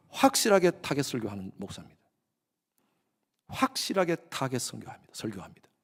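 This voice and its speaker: A man in his fifties with a Gyeongsang Korean accent, preaching a lively sermon to his congregation and often speaking straight to them. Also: fairly high pitch. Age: 50s. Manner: lively preaching, addresses congregation often, acts out quoted lines. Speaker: pastor.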